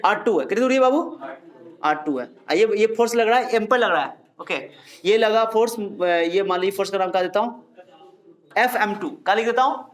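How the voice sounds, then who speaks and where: A man's voice: high voice, brisk. A man teaching physics to a live class, explaining and quizzing students, mixing Hindi with English terms and scolding them to stop talking. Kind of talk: classroom lecture.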